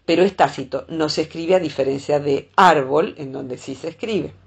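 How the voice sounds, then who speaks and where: A woman with a Rioplatense Spanish accent, a psychologist explaining relationships in a thoughtful way, pausing often to gather her thoughts. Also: low-pitched, creaky, slightly rough. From Argentina. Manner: thoughtful, explaining with frequent hesitations.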